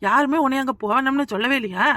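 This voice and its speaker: A woman's voice: sits high, quick pace, bright, forceful tone, no echo, studio quality. Woman doing a blunt scolding village woman. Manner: scolding, sarcastic. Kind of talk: cartoon voice acting.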